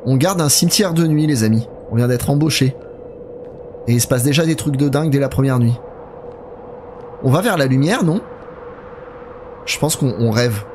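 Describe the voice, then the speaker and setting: A man's voice: medium pitch, moderate pace, long pauses, noisy background. A man giving live commentary while he plays a horror game, chatty and talking straight to his viewers, reacting aloud to the scares. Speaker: horror game let's player.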